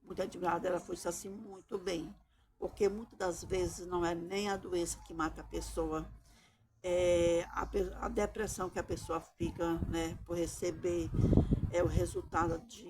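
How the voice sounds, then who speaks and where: A shy middle-aged woman giving a personal testimony, talking haltingly and often adding tag questions. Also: on the low side, fairly even intonation, low-quality recording. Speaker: testimony giver.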